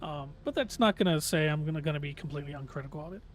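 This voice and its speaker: A man's voice: a little high, very fast, slight background noise. A man livestreaming a game in casual, earnest, hesitant chat, his voice slightly reedy and tired from long talking.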